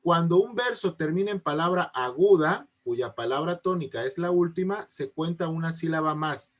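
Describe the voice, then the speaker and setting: A patient male teacher with a high voice explains material in an online class, often checking that students understand. His intonation is lively and his pace moderate. He's on a video call with an unstable connection.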